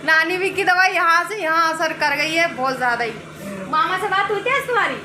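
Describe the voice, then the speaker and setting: A woman chats through a comedy vlog in a high voice, teasing and breaking into laughter. She is recorded outdoors with clear background noise around her. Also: brisk. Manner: teasing, often laughing while talking. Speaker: vlogger. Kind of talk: casual comedy vlog narration. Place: outdoors, dusty and sunny. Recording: noisy background.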